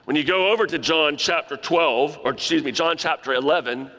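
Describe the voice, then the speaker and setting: A man's voice: a little high, a little fast, sharp tone. A man delivering a sermon, emphatic and repeating key phrases for stress. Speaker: preacher. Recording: reverberant hall.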